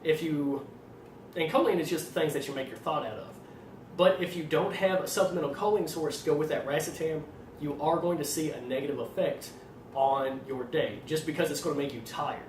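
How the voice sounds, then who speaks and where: A man with an Arkansas accent explaining things informally as a trainer, in a fairly monotone voice with a slight tendency to stutter. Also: a little high, fairly quick. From Arkansas, United States. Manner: self-described monotone delivery. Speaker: fitness trainer presenting supplement advice. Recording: roomy echo, distant mic, faint noise.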